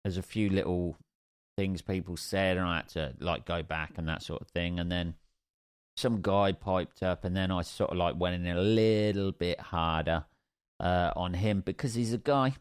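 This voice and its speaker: He's a young English stand-up from Northampton whose low, resonant, clear voice keeps a fairly even intonation at a moderate pace. On his solo podcast he spins a rambling, sweary yarn full of jokey asides, captured dry and at studio quality.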